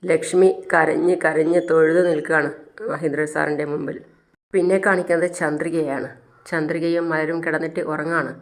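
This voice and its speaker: A storyteller casually recapping a television serial episode in a lively, dramatic way. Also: mid-range voice, a little fast.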